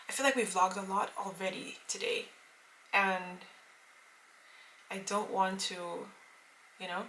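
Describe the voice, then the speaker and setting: A woman's voice: medium pitch, little pitch movement, unhurried, sharp tone, slight background noise, poor audio. A woman in her late twenties talking casually to camera as a vlogger, chatty and rambling with many fillers and restarts. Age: late 20s. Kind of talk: casual vlog chat to camera.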